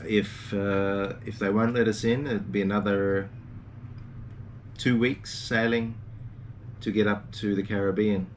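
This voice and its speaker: A man's voice: lowish voice, level tone, measured pace, distant mic, a little hiss or hum. A man in his forties giving a casual, rambling video update with lots of ums and uhs, recorded from a boat cabin on a camera mic. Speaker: sailing vlogger. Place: small boat cabin, indoors.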